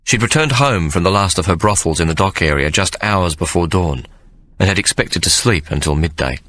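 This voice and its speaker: A man narrating an audiobook in a measured storytelling manner. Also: low-pitched, fairly bright tone, no room sound. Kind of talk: scripted narration.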